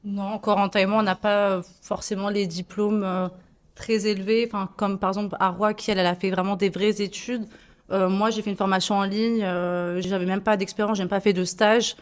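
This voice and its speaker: A chatty woman answers questions about her sales job in a kitchen showroom. Her voice sits at an ordinary middle pitch and she talks casually, with plenty of hesitations and easy laughs. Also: flat delivery, a little fast. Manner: chatty, laughs easily, many fillers. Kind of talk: casual answers to young visitors.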